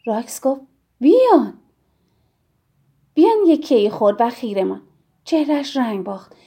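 A woman reading a novel aloud in scripted first-person narration, measured and expressive. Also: a little high. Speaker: audiobook narrator.

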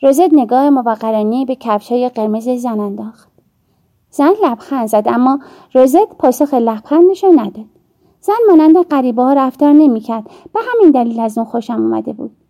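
High-voiced woman with gravelly fry narrating. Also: muffled recording. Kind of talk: audiobook narration.

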